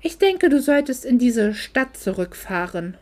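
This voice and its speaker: A woman's voice: on the high side, very animated, a little slow, darkish tone. A woman voicing a cold, dismissive middle-aged mother who talks down to her grown daughter in a curt, condescending way. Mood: cool, reproachful.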